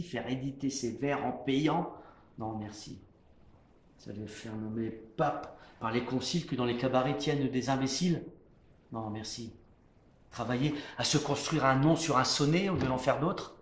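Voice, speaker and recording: A man playing a proud, defiant poet-swordsman, declaiming a classical French stage verse monologue in a hammy stage-actor manner that moves between hushed and booming. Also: normal speed, close to an everyday voice. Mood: indignant, sardonic. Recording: roomy echo, faint background noise.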